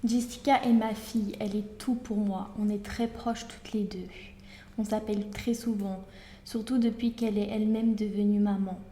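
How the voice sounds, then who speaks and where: A woman's voice: medium pitch, fairly even intonation, normal speed, dark tone, reverberant, natural voice. A woman playing a devoted mother in her fifties, speaking tenderly. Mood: fond. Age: 50s. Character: fond middle-aged mother, 50s.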